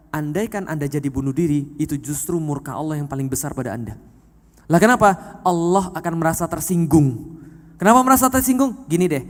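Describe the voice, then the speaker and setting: A man giving an animated sermon to an audience, often asking them questions and swinging from soft to loud. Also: high-pitched, long reverb tail. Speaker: preacher.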